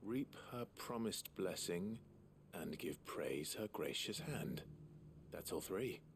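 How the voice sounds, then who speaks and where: An actor playing a calm, steady young male warrior in a video game, speaking in a measured, thoughtful way. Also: deep voice, full character voice. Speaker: game protagonist. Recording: game audio with background noise.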